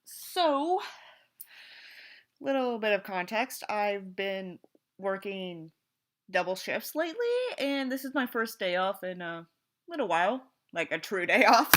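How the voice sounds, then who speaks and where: A high, bright, forceful female voice narrates and comments on a book as she reads it aloud. She comes across as theatrical and sardonic, and she's prone to sarcasm and swearing.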